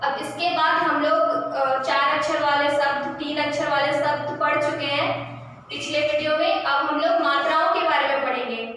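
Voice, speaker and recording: Brief: female teacher, high voice, patient and slow, young class, distant mic in a classroom with a long ringing echo. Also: steady tone, a bit bright, a little hiss or hum. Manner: slow, patient explaining with drawn-out sounds. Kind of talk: classroom lesson for young children. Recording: echoey room recorded from a distance.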